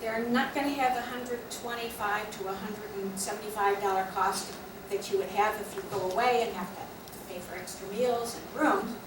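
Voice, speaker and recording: During announcements at a guild meeting, a woman officer practically explains upcoming class plans in a mid-range voice at normal speed with few pauses. The meeting room recording is noisy and echoey, with the mic far away.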